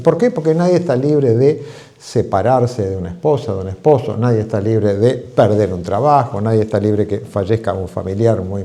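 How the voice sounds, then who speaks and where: A Uruguayan-accented doctor speaks on a health program, his warm, mellow voice swinging widely up and down. He keeps throwing rhetorical questions at his viewers and tells stories with plenty of animation. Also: mid-range voice. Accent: Uruguayan Spanish. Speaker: physician. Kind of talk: televised health talk.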